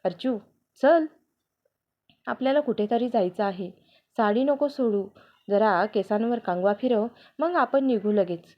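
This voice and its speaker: A woman's voice: a little high, measured pace. A woman voicing a playful, affectionate young husband in a read-aloud family story, on a dull lo-fi recording. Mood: urging. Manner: teasing, affectionate.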